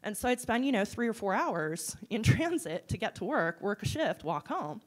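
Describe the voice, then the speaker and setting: A middle-aged woman answers audience questions after a keynote. She talks in a blunt, wry, animated way. She speaks into a handheld microphone on stage in a large hall. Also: medium pitch, moderate pace. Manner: blunt, wry, animated, gestures while talking. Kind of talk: keynote Q&A, candid and conversational.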